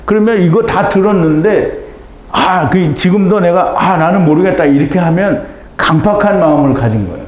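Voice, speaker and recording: Impassioned high-voiced Korean pastor preaching. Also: male voice, expressive, moderate pace. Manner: impassioned, pleading, shifts between shouting and low intensity. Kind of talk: sermon. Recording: echoey room.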